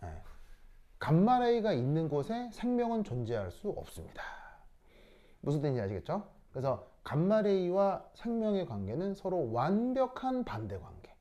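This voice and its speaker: A man's voice: high-pitched, moderate pace, lo-fi sound. A man lecturing a classroom, quizzing and teasing his students as he explains. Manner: lively, teasing, asks students questions. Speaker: teacher.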